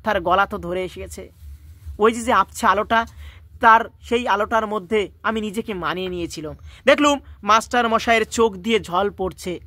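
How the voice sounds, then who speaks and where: Male teacher with a high, bright voice, reading and explaining a story line by line, dry close recording. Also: normal speed, no echo. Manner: stops often to explain words and restate lines.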